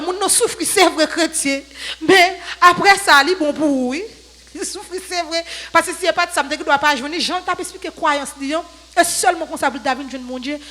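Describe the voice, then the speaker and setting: A woman's voice: high-pitched, fairly bright tone, a little hiss or hum, rough recording. A woman with a Haitian accent giving a fervent, repetitive sermon exhortation to a church congregation. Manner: fervent, repetitive preaching with call-outs to the congregation. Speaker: church speaker.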